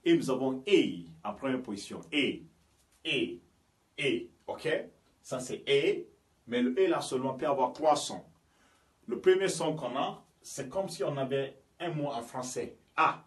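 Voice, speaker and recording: A man's voice: medium pitch, lively intonation, a little mellow, recorded from a distance. Man teaching a lesson in an echoey room. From Guinea. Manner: explains slowly, often checks with "ok?" and "you understand me?". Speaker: English teacher. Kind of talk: language lesson.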